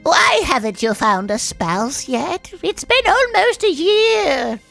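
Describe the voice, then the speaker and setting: Man putting on a creaky, high old hag queen mother. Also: very animated, takes it slowly, sharp tone, faint music behind, heavily acted. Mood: nagging, bossy. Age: elderly. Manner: bossy, insistent old hag.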